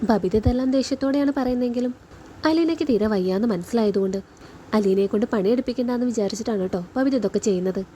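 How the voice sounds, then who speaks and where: A woman with a Kerala Malayalam accent tells a TV serial's story in a rapid, chatty flow. Her voice sits a little high but sounds mellow and soft. She tags friendly particles onto her sentences as she narrates. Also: a little hiss or hum.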